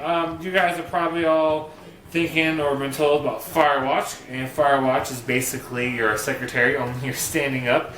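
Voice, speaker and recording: A man's voice: fairly high pitch, fairly bright tone. Casual joking man in an echoey room. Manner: rambling, joking, conversational. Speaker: vlogger giving boot camp advice. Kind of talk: casual advice talk. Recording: roomy echo, faint hiss.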